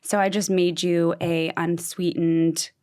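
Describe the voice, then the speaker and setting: Female podcast host, casual, lowish voice, gentle restarts. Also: flat delivery, takes it slowly. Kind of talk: casual interview chat.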